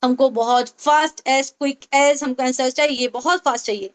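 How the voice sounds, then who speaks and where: A woman's voice: high-pitched, steady tone. A woman teaching a Tajweed class online, explaining step by step, asking the class questions and repeating key points. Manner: explains with questions and repetition, mixes English terms. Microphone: online meeting call.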